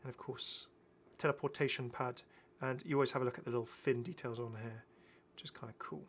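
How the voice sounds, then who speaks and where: Brisk and fairly bright, this middle-aged man's mid-range voice holds a steady tone. As a gaming video host, he gives chatty, enthusiastic, casual commentary on game skins and tends to repeat himself.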